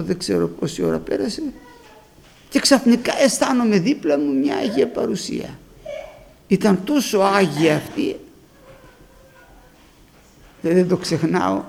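A man's voice: high-pitched, creaky, slight background noise. An older man preaching a fervent sermon, repeating phrases and calling out to his congregation as brothers. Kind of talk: Pentecostal sermon with personal testimony.

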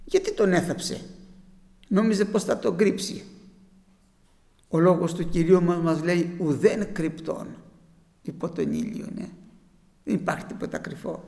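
Preacher guy, high gravelly voice, fired up, big echoey church hall. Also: a little mellow. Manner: impassioned, voice surging up for emphasis; reads scripture slowly in formal old wording. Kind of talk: sermon with Bible reading. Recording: long hall reverb.

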